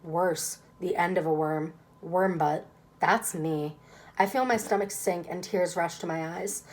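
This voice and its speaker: A woman's voice: fairly low pitch, steady tone, measured pace, darkish tone. A woman reading a children's novel aloud expressively, as first-person narration. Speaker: reader.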